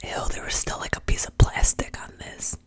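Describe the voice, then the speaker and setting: A young woman whispering close to the mic while tasting candy for an ASMR video, frank and joking as she chews. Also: moderate pace. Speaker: ASMR creator.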